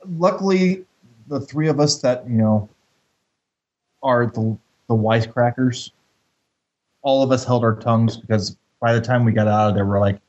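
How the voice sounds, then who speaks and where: A man's voice: mid-range voice, moderate pace, pauses often, a little mellow. A chatty man with a mid-range voice picks up a shared story on a podcast. The sound is dull and lo-fi. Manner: chatty, jumps in to finish stories. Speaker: podcast co-host. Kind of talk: casual storytelling chat.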